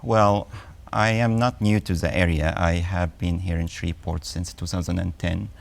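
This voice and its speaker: An Egyptian-accented oncologist in his forties appears as a guest on a TV health interview, speaking in a measured way peppered with ums and uhs. His voice is low with fairly even intonation and some vocal fry.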